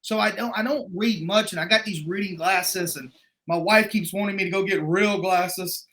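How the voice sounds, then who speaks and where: A middle-aged man talking as a guest in a casual conversation, telling stories in a rambling, animated way. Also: sits high, normal speed, slight background noise. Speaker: guest martial arts instructor.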